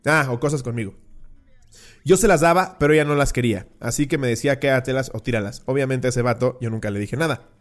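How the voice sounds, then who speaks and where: A man's voice: medium pitch, faint music behind. A man co-hosting a casual podcast, cracking crude jokes and reading a listener's story. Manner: crude jokes, quick comebacks, laughs loudly. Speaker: podcast co-host. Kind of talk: casual chat.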